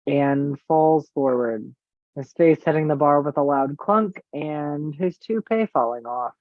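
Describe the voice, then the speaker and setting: A man narrating stage directions in an amateur script read, with an even, matter-of-fact reading. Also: a little high, a little slow. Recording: tinny phone-like line, dry.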